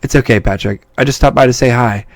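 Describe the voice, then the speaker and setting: A man reading game dialogue aloud, voicing a cheerful but fragile teenage girl with a raised, soft girlish voice. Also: medium pitch, fast, dry recording, natural voice. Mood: sweet.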